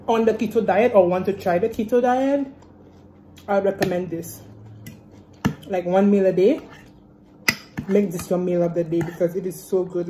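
A woman's voice: mid-range voice, warm tone. A young woman, a medical student, chatting casually to her phone camera in an upbeat way, often saying "literally" and "like". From Saint Lucia. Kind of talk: casual vlog chat. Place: stadium, kitchen, hospital hallway and lab. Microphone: phone camera at arm's length. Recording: phone vlog with clear background noise.

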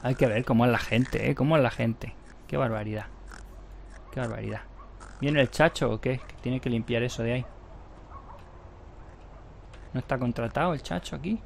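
A man's voice: medium pitch, normal speed, creaky, long pauses, a little hiss or hum. A man giving casual gameplay commentary, chatty and mocking as he talks to the characters on screen.

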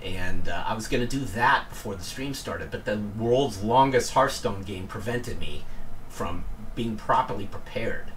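A man's voice: lowish voice, measured pace, a bit bright. Middle-aged guy streaming from home, rambly jokey chat, kinda distant from the mic, faint hum behind. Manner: rambling, self-deprecating, joking with chat. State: winded from climbing stairs. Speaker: game streamer. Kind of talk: casual live-stream chat. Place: home room. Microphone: headphones with desk mic, off-mic at times. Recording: voice sometimes distant from mic, faint room noise.

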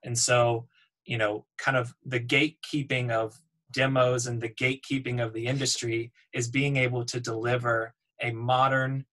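A man's voice: medium pitch, moderate pace, rough recording. Casual man teaching over webcam. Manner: relaxed, explanatory, frequent ums and uhs. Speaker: voiceover demo producer. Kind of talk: webinar teaching. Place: home room, indoors. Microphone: webcam on video call.

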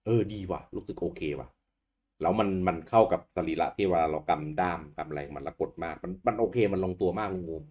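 A man co-hosting a podcast, chatting casually about old video games with a relaxed manner and easy swearing. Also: deep voice, fast, few pauses. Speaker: podcast co-host.

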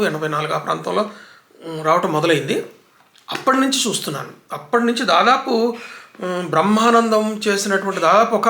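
A man gives an unhurried, lecture-style talk as a literary commentator, stacking up one example after another. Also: high voice, pushed and bright. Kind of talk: reflective book talk. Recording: echoey room.

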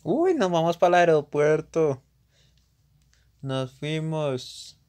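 A man's voice: fairly high pitch, very animated, slow, a little mellow. Chatty man streaming a game live. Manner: chatty, reacts to the game and greets viewers. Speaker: livestreamer. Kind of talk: casual live gameplay commentary.

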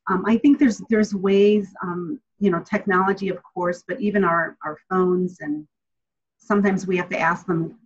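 A woman with a low, husky voice answers questions on a video call from her home, friendly and reflective, pausing on little ums. The webcam audio is a bit muffled and dull. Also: steady tone. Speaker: guest speaker. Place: home room, indoors.

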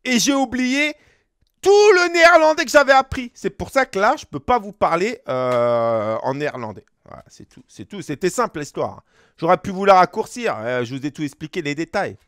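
Animated high-voiced young man storyteller. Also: normal speed, dry recording, clean studio sound. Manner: animated storyteller, sound effects, slangy. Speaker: gaming streamer. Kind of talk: rambling tall tale during a game pack opening.

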